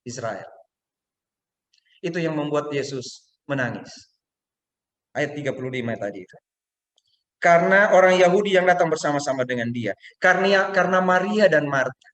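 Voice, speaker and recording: A middle-aged man with an Indonesian accent preaching a sermon, telling stories and acting out quotes. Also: a little high. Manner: animated storytelling, acts out quotes. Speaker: pastor. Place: church hall. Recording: echoey room.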